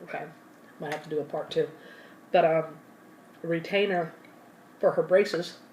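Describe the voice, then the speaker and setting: A woman's voice: low-pitched, moderate pace, a little mellow, recorded from a distance. A woman telling a story in loose, casual chat, stopping to eat and fixing her own details as she goes. She sits back from the mic in a roomy space, with a faint hum of ambience behind her. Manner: rambling, self-correcting, talks with mouth full. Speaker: ASMR channel host. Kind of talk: casual storytelling while eating.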